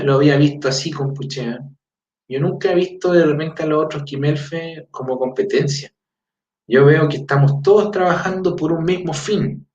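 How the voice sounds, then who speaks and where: A Chilean man teaching his language in casual talk, checking in with listeners and reading out greetings. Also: mid-range voice. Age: adult with a four-year-old daughter. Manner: conversational, fillers, frequent "¿ya?" checks. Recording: roomy, distant, dull lo-fi sound.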